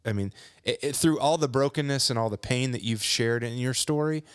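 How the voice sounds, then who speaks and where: A man's voice: mid-range voice, fairly quick, clear, resonant tone, no echo, studio quality. A man co-hosting a casual faith podcast, speaking earnestly and encouragingly with frequent restarts. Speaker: podcast co-host.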